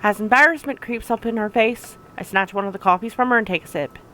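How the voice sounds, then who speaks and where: A woman reading first-person narration from a visual novel aloud in an even, reflective way. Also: fairly high pitch, quick pace, poor audio. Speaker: let's play narrator.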